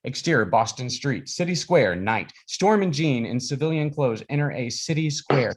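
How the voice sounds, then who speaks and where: A man narrates a screenplay at a live reading. He delivers scene headings and action lines in a middle-pitched voice. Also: lively intonation, moderate pace. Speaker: narrator reading stage directions.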